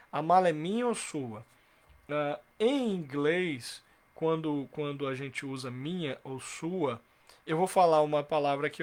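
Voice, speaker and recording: A man teaches English grammar in a live online class, his voice sitting a little high. He explains patiently, asks himself rhetorical questions and repeats example sentences slowly.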